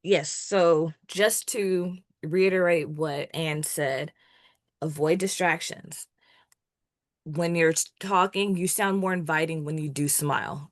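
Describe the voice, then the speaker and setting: A woman with a low voice co-presents an online workshop. She sums up and reinforces the main points for her listeners. Her voice sounds dry and close, with no room around it. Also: measured pace, no echo.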